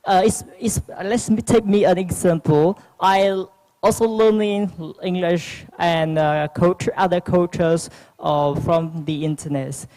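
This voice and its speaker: With a mid-range, slightly mellow voice and fairly even intonation, a young Vietnamese-accented adult gives a prepared speech at a youth forum. Delivery is halting, with plenty of fillers and restarts along the way.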